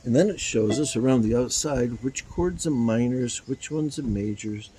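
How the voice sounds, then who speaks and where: A man's voice: medium pitch, moderate pace, low-quality recording. A man, an inventor, demonstrating his music teaching tool in a folksy, rambling way with fillers and stammers. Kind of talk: explanatory demo in an interview.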